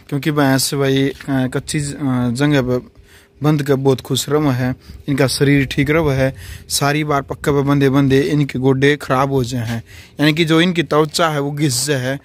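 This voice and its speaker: A man's voice: mid-range voice, fairly even intonation, normal speed. A young man with a Haryanvi accent, chatting casually as he gives a house tour in a rural home, laughing often. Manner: chatty, laughs often, points things out to camera. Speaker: vlogger giving a house tour. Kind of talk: casual vlog chat. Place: rural house and courtyard, outdoors and indoors. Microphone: handheld phone mic.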